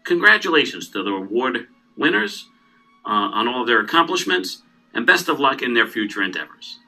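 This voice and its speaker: A man's voice: mid-range voice, sing-song, moderate pace, bright, forceful tone, soft background music, rough recording. A middle-aged man, a math department chair, formally presenting school awards while reading from papers. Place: indoor room, standing.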